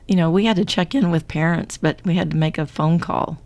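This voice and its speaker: A woman's voice: fairly low pitch, fairly quick, a little mellow, no room sound. A woman co-hosting a podcast who coaches clients, chatting casually, rambling and correcting herself with frequent laughs. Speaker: podcast co-host. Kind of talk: casual chat.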